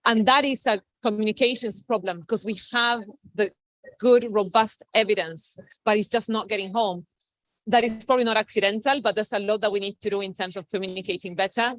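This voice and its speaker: A woman's voice: mid-range voice, steady tone, brisk, no echo, poor audio. Emphatic woman panelist. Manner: fluent, emphatic, rhetorical questions. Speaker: panelist, health researcher. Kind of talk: panel discussion remarks.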